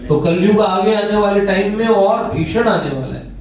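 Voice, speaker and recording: High-voiced Hindi preacher in an echoey hall. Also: male voice, expressive, distant mic. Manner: explains verses, chants couplets slowly, asks listeners "हैं?". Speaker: spiritual teacher. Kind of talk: devotional satsang discourse.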